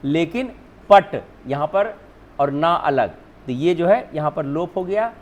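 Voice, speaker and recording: A man's voice: a little high, expressive, measured pace, a little hiss or hum. A male teacher whose first language is Hindi, explaining spelling rules step by step, often asking and then answering his own questions. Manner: repeats "ठीक है ना", asks and answers own questions.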